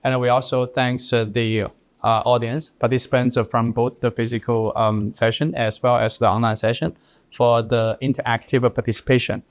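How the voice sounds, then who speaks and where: A man moderates a university seminar and wraps it up with formal thanks. He speaks politely but haltingly, with frequent fillers. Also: medium pitch, flat delivery. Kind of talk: formal closing remarks.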